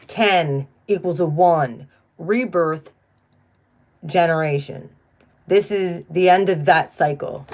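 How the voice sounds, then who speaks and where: A woman's voice: lowish voice, takes it slowly, darkish tone, a little hiss or hum. A middle-aged woman doing a casual spiritual card reading, chatty and blunt, who swears freely when she gets riled. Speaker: tarot card reader.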